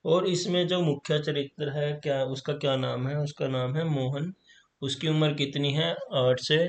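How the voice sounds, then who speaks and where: A man teaching a school play for exam preparation, asking questions and then answering them himself. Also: medium pitch. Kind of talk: reading and explaining a play for exam prep.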